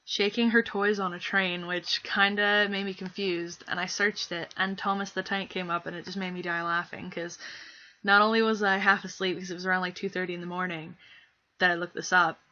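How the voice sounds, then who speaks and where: Young woman streamer, scratchy throat from a cold, giggly and rambling, lowish pitch, muffled lo-fi sound. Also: flat delivery, a little fast, pushed and bright. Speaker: live streamer. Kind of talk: casual live-stream chat. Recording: dull lo-fi stream audio.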